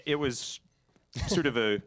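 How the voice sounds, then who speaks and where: Lively wry middle-aged male host. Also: mid-range voice, a little slow. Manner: chatty, rambling, wry joking. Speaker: radio session host. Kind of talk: casual interview chat.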